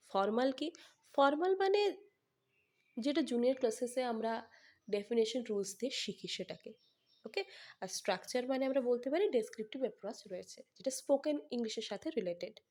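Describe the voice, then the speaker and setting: A woman with a Bengali accent leads an exam-prep lesson in a slightly raised voice. She reads each English line slowly, then explains it briskly and checks in with her students. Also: on the high side, darkish tone.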